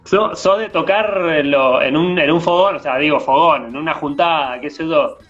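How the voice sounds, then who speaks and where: A man's voice: fairly high pitch, normal speed, a bit bright, dull audio, faint music behind. A man with an Argentine accent hosting a casual online interview, chatty and laid-back, full of slang, on a video call. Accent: Argentine Spanish. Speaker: host.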